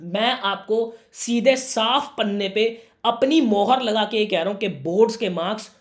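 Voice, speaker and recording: A young man talks straight to camera, giving students earnest career advice. His voice is a little hoarse from a sore throat. He keeps up a warm, brotherly tone and talks to the viewer as if to a younger sibling. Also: high voice, normal speed. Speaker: career guidance YouTuber.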